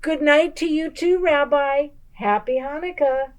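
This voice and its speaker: A woman's voice: high-pitched, measured pace, voice pushed up. Woman voicing a fussing, kindly old storybook lady. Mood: fond, warm. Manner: exclaiming, fussing, affectionate. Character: kindly, chatty old woman, hospitable and teasing. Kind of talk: children's storybook character voice.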